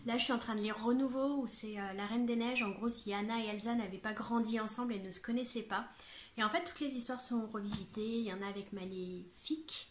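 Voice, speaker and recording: A woman's voice: a little high, fairly quick, a little hiss or hum. Chatty French woman, echoey room. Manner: chatty, bubbly, laughs often, many fillers. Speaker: vlogger. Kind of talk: casual chat.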